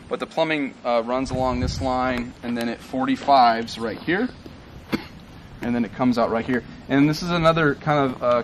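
Relaxed man giving an outdoor DIY walkthrough. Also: mid-range voice, noisy background. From Tennessee. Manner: relaxed, many ums and uhs, explains step by step. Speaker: DIY home builder. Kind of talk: casual how-to walkthrough. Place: outdoor building site in the country.

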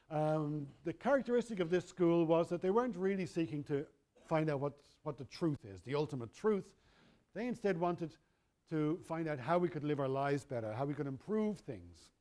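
Middle-aged male lecturer, slightly higher voice, dry humour, casual delivery with frequent self-corrections. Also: mellow. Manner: wry, conversational, self-correcting. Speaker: university lecturer. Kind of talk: university lecture.

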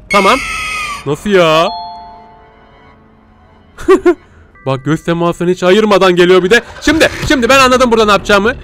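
A man commenting on a horror game as he plays, yelping and laughing when scared and talking to his viewers and the creatures. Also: high voice. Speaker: gaming streamer.

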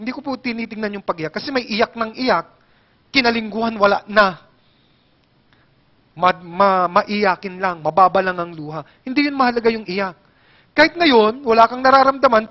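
A man from the Philippines preaching a sermon as pastor, animated, joking and asking the congregation questions. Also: sits high, lo-fi sound. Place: church hall.

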